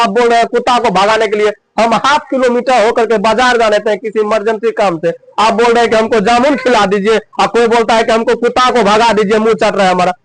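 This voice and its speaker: A man's voice: very high-pitched, rough recording. A man doing a scolding camel driver. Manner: scolding, irritated. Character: annoyed passing camel driver, middle-aged man.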